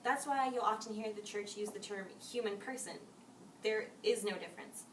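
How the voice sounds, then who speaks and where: Girl doing an earnest church youth minister, explains stuff calmly, echoey far mic. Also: mid-range voice, moderate pace, natural voice. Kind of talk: amateur class-project role-play. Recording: echoey room, mic far off, faint noise.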